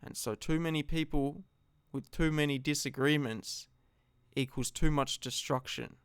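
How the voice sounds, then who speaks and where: A man giving an earnest, reflective philosophical monologue, speaking deliberately in short phrases with long pauses. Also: fairly high pitch, smooth, no echo. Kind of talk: solo reflective monologue, slow spoken address.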